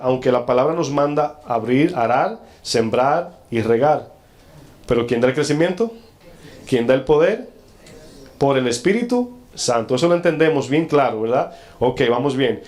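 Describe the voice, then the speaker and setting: A man's voice: mid-range voice, a little mellow. Man preaching a sermon. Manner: preaching to a congregation, asking them questions often; acts out quoted lines in a changed voice. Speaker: pastor.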